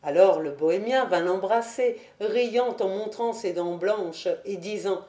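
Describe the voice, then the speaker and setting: A woman reading a classic novel aloud in measured, steady audiobook narration. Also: medium pitch. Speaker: audiobook reader. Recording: echoey room.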